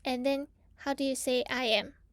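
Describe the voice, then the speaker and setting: A woman teaching grammar to learners, patient, repeating phrases slowly and checking in often. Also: high voice, fairly even intonation, a bit bright, no echo. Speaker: Japanese teacher.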